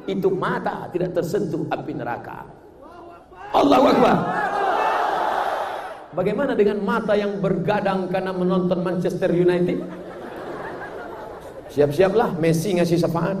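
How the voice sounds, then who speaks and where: A man preaching a sermon with humor, chanting verses and then explaining them, rising to shouted emphasis. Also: high-pitched, normal speed, pauses often, a crowd in the background. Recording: echoey hall, faint noise.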